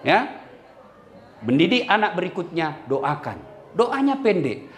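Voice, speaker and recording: High-pitched, animated male preacher. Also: takes it slowly. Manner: lively, swings between loud joking and low solemn tones. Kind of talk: sermon with humor.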